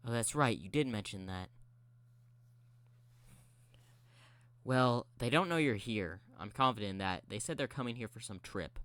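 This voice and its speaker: A man's voice: medium pitch, animated, a little fast, a bit bright, no room sound, natural voice. Man voicing a jumpy young dock worker. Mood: reassuring. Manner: jumpy, apologetic.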